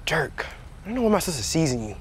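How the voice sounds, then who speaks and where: A man's voice: a little high, quick pace, a little hiss or hum. A young man playing an annoyed, sarcastic brother in a comedy skit. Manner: sarcastic, lively.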